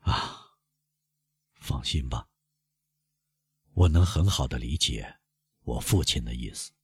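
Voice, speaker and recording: Brief: man playing a grim, shaken prosecutor, low and muffled, nearly whispering, husky. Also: lively intonation, takes it slowly, no echo, heavily acted. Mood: stifled. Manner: low, stifled, muttering voice. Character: grim older male prosecutor, shaken and secretive. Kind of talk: audiobook character voice.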